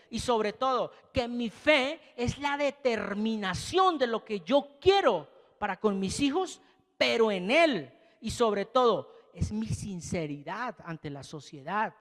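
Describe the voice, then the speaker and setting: High-voiced preacher man in a reverberant hall. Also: a bit bright. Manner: rhetorical questions, emphatic rises and drops. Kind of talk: sermon.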